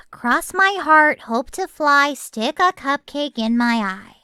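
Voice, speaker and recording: A woman's voice: high-pitched, lively intonation, takes it slowly, sharp tone, dry recording, soft background music, full character voice. A woman playing a stern but loving cartoon pony mother, with a dry, incredulous, scolding manner. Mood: exasperated. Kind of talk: animated fan audio drama acting.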